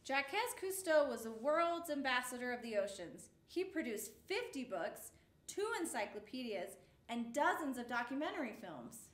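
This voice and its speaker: Reading a picture book aloud, a high-voiced woman tells a children's story in a spacious room with noticeable echo. She paces her lines carefully and expressively, the way one does for little kids at storytime.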